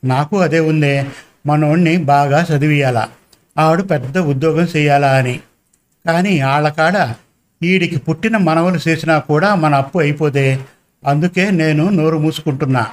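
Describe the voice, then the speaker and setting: A man reading a storybook and voicing a poor indebted village father, gruff, weary and scolding in a slow voice. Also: on the high side, natural voice.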